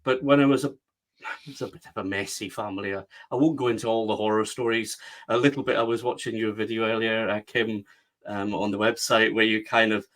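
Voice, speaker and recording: A man's voice: on the low side, fairly even intonation, fairly quick, fairly bright tone. A man with a West of Scotland accent, speaking as a guest on an interview podcast and stressing his points with repeated phrases. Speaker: guest, book strategist.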